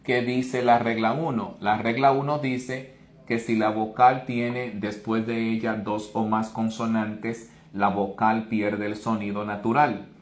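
A man's voice: fairly low pitch, level tone, a little slow. A man teaching English pronunciation in an online lesson, explaining each rule step by step and praising viewers by name.

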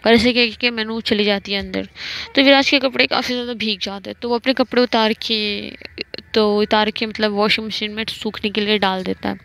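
A woman's voice: mid-range voice, steady tone, moderate pace, creaky, fairly bright tone. Woman retelling a story with many self-corrections. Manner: retells dialogue loosely, often corrects names with "matlab". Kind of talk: casual spoken storytelling.

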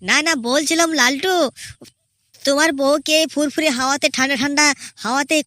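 A woman's voice: high voice, steady tone, fairly quick, bright, forceful tone, dry recording, clean studio sound. A woman voicing a cheeky, mocking young male henchman in a cartoon. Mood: taunting. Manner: teasing, taunting, crude jokes.

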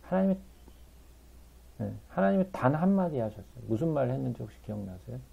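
A man's voice: medium pitch, big pitch swings, fairly quick, creaky, slightly rough. A man giving a conversational Bible teaching, emphatic and constantly checking in with his listeners, on a dull lo-fi recording.

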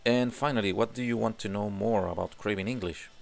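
Recording himself answering interview questions, a Chilean English teacher in his forties who is applying for a job speaks fairly quickly in a lowish voice with vocal fry. His English has a Chilean Spanish accent, a desk condenser mic sits in frame, and guitars decorate the wall of his home room. He repeats words frequently as he looks for them.

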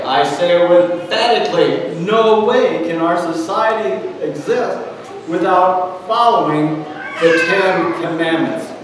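Man, preacher, high voice, slow deliberate sermon, heard from across a reverberant church hall. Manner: slow, earnest preaching with frequent pauses and fillers. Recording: echoey church hall, mic at a distance, faint room noise.

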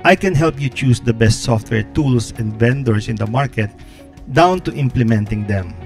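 A man in his thirties narrating a scripted tutorial from a home studio, speaking in a steady explanatory way into a close microphone with the occasional filler. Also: mid-range voice, moderate pace, soft background music. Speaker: host, business consultant. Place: home studio with guitars on the wall. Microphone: close podcast mic in frame.

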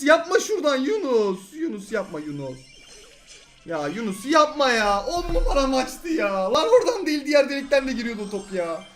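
Fast, high-voiced excitable young gaming man. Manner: rapid, excitable, shouts at teammates, repeats words. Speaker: gaming channel host. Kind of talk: excited live gameplay commentary.

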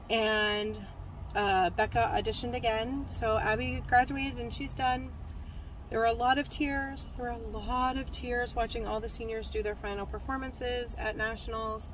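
Sitting in a parked car, a woman in her forties who vlogs about cross-stitch talks loosely to her phone camera at arm's length, full of fillers and false starts. She has a slightly high voice. There's a little hiss or hum on the rough recording.

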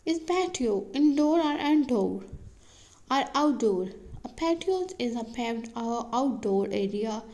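Woman narrator, slightly high voice, plain read-aloud explainer delivery, occasional slips. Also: expressive, slow pace, a little mellow, rough recording. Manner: reads questions and answers like a list, with some slips and restarts.

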